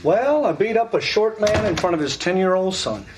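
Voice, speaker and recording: An actor playing a new father who is defensive, whiny, and quick to fret. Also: high-pitched, expressive, over loud music. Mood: fretful. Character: anxious, self-righteous young dad. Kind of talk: sitcom acting.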